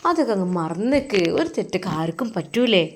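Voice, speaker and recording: A woman's voice: medium pitch, very animated, a little fast. A woman voicing a young wife from Malappuram who coaxes her husband in a wheedling, sing-song way. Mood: coaxing. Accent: Malappuram Malayalam.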